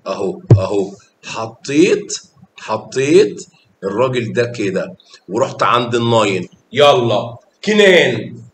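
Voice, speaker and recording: Speaking a little slowly with big swings in pitch, a math teacher with an Egyptian Arabic accent works with young children. He gently coaxes them with pet names in a patient, loving way, and the recording picks up an echoey classroom with a faint rumble.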